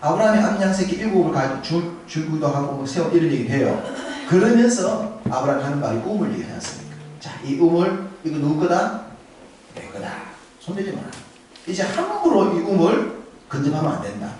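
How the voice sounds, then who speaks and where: Lively male pastor in an echoey hall. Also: fairly high pitch, a little fast, slight background noise. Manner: animated, acts out voices of biblical figures and asks the congregation questions. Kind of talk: Sunday sermon. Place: church sanctuary. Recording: echoey church hall, voice from a distance.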